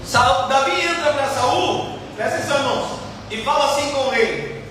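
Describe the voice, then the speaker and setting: A man preaching a lively sermon as a pastor, asking the crowd questions and acting out quotes. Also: extremely high pitch, moderate pace, a little hiss or hum. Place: church hall. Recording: echoey hall from far off, faint ambience.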